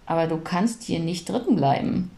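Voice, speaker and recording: A woman voicing a kind, cheerful young mother in a storybook reading, bright and coaxing. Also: fairly low pitch, moderate pace, lightly acted.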